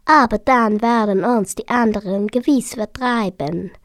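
A woman voicing a clever, lively young female dragon in a children's story, eager and teasing. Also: a little high, unhurried, no room sound, studio quality, lightly acted.

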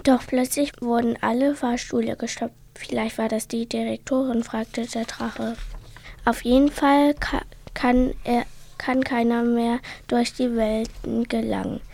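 A woman reading a children's bedtime story aloud, softly and partly in a whisper. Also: a little high, level tone, a little slow, creaky.

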